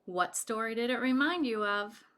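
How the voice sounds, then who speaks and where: Expressive and animated, this storybook reader speaks right to young listeners as she reads a children's story, asking them questions along the way. Her voice is on the high side at a moderate pace.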